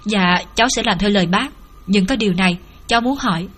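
A woman's voice: medium pitch, fast talker, fairly bright tone, close to an everyday voice. A woman narrator voicing a polite, anxious young man who speaks respectfully to an older woman. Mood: earnest. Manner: deferential, earnest.

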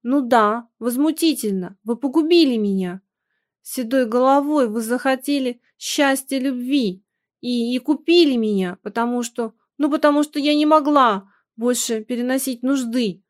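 A woman's voice: steady tone, slow, a bit bright, no echo, clean studio sound. A woman playing a hysterical bitter young wife. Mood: furious. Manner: shrill, sobbing outbursts.

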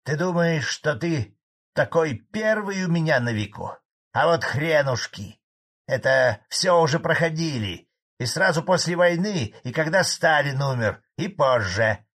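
A man voicing an angry, blunt old male Soviet cattle farmer in an audiobook, gruff and indignant. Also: fairly high pitch, a bit bright, pitched above the performer's own voice, heavily acted.

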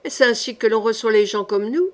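A woman reading an audiobook, voicing a giant male bodyguard who tries to sound gruff but is uneasy. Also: a little high, brisk, lightly acted. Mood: blustering. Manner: blustering, trying to sound gruff.

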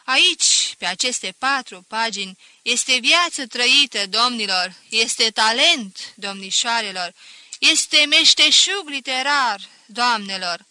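A woman's voice: on the high side, animated, pushed and bright, no echo. A woman voicing a scornful, mocking older male schoolteacher who talks with sarcastic chuckles in an audiobook. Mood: sneering.

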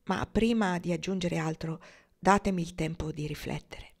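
A woman reading the part of an independent young woman card dealer, speaking softly and with restraint. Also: fairly low pitch, moderate pace, vocal fry. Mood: tender. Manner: soft, restrained.

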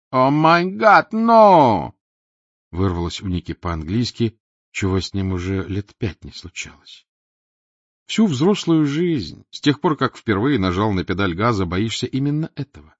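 Low husky male audiobook narrator. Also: normal speed, no echo. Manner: expressive, dramatic. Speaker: audiobook reader. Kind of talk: scripted narration. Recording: dull dry lo-fi recording.

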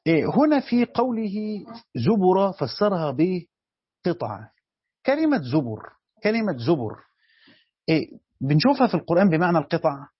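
A husky-voiced Egyptian man teaching as a sheikh, somewhat high for a man and questioning his class as he goes. He repeats key phrases to drive them home. The sound is dry and a little dull, like a lo-fi lesson recording. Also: no room sound. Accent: Egyptian Arabic. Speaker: sheikh teaching Quran commentary.

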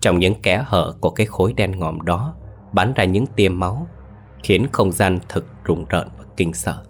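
A man narrating a horror story in a steady, dramatic way. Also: low voice, a little slow, husky, soft background music.

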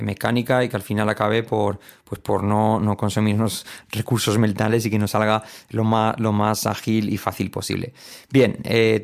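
A man from teaching English pronunciation, explaining in casual speech and repeating example words slowly. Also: on the low side, creaky. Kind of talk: spoken language lesson.

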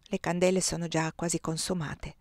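A woman reading a novel aloud in a measured, expressive narration. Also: lowish voice, no echo, studio quality. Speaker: audiobook reader.

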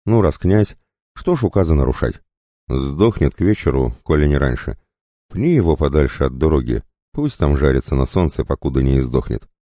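A man's voice: rumbling low, lively intonation, moderate pace, dark tone, no echo, studio quality. A man voicing a sly, cruel bandit who goads and mocks. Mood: jeering. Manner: jeering, goading.

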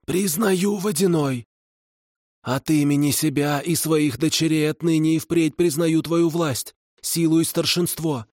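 A man's voice: a little high, fairly even intonation, a little slow, darkish tone, no echo, studio quality, pitched above the performer's own voice, lightly acted. A man voicing a desperate old female swamp spirit who shrieks and hisses. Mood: submissive. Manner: shrieking and hissing.

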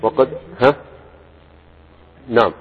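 Egyptian sheikh, teaching classical grammar, husky tone, reverberant hall, narrow tinny recording. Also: male voice, medium pitch, takes it slowly. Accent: Egyptian Arabic. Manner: reads the text, then explains in colloquial asides with checks to students. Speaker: teacher of Arabic morphology. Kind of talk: classical text lesson. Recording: husky voice, echoey hall, phone-like band.

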